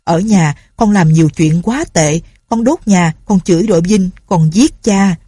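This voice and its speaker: A woman reading a story aloud, voicing a quick-tempered older male village official who barks orders and accusations. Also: fairly low pitch, breathy edge, no room sound, studio quality. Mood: accusing. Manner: shouting, commanding.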